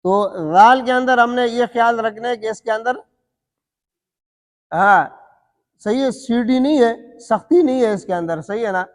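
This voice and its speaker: A man teaching Quran recitation rules, asking his students questions and answering them himself, and stretching out letter sounds to show them. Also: very high voice. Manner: demonstrates letter sounds slowly. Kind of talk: tajweed lesson. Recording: long hall reverb.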